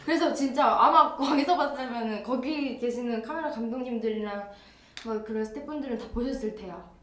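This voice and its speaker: A woman's voice: a little high, a little fast, a bit bright, a little hiss or hum. A young woman chatting casually with fans on a live birthday stream, bubbly and chatty. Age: young adult. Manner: bubbly, chatty, acts out quoted voices. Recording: roomy echo.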